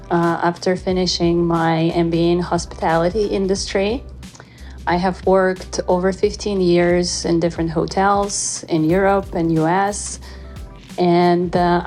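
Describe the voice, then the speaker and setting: A woman speaks very slowly, introducing herself as a panelist before a live audience. Her voice sits a little low, and she picks her words carefully with short pauses. Soft music drifts in behind. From Moscow, Russia. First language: Russian. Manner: unhurried and careful, pausing with fillers. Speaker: panelist, company brand head.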